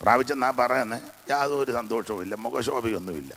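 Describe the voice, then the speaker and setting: A man preaching a sermon with a strained throat, swinging between loud declaiming and quiet asides. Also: medium pitch, fast, slight background noise. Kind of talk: Malayalam sermon with singing.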